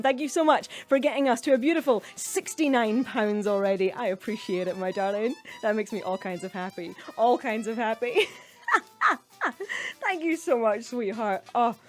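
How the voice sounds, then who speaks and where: A woman's voice: mid-range voice, darkish tone. A woman hosting a cabaret livestream in casual chat, effusively thanking viewers and calling them darling and sweetheart. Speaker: cabaret host.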